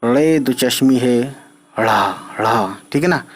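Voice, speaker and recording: A male teacher talks his way through a reading lesson at an unhurried, deliberate pace. His voice sits at an ordinary middle pitch. He spells each word out letter by letter and keeps asking whether it makes sense. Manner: patient, spells letters out slowly, often asks "right?". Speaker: Urdu teacher.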